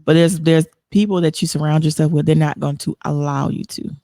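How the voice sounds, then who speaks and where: Gravelly, mellow-voiced woman host. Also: sits low, fairly even intonation, fairly quick, dry recording, studio quality. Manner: earnest, emotional, rambling with restarts. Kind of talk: casual online talk show chat.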